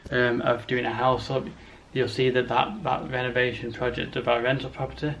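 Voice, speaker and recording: Flat-toned, gravelly man chatting to camera. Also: mid-range voice, normal speed. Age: 30s. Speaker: vlogger. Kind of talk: casual walkthrough chat to camera. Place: rooms of a house, indoors. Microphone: camera held at arm's length. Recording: handheld camera with clear background noise.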